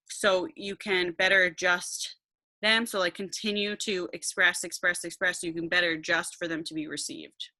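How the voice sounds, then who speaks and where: Bright-voiced woman teaching a group informally. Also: mid-range voice, no echo, poor audio. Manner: encouraging, checks in with listeners. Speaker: meditation teacher. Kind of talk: casual, informal talk to a group.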